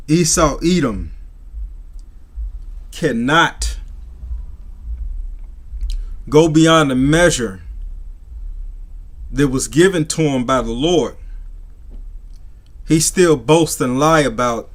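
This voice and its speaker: Male debunking podcast host, unhurried delivery, preachy and emphatic. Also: a little high. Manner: emphatic, dismissive debunker with tag questions. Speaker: religious debunking video host.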